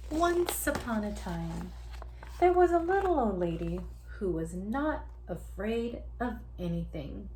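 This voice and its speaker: The audio is poor and somewhat noisy as a teacher with a medium-pitched voice slowly reads a picture book to young children. She performs it animatedly, stretching out the sound words and inviting the kids to join in.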